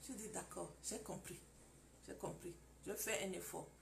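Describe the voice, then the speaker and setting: Brief: woman playing a submissive wife, soft-spoken and pleading. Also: medium pitch, animated, moderate pace, background noise, natural voice. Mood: meek. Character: meek, apologetic wife calming her husband.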